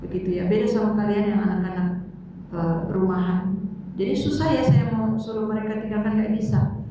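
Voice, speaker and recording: A woman's voice: mid-range voice, fairly even intonation, a little fast, dark tone. A woman teaching a youth bible lesson in church, chatting with the class and calling on students to read. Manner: conversational, calls on students to read. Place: church room. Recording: echoey room, mic far off, faint noise.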